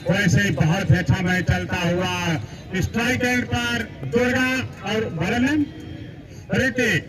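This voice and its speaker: Very high-pitched man commentating on cricket. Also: measured pace, low-quality recording. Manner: effusive, repeats stock phrases. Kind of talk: live cricket commentary at a village tournament.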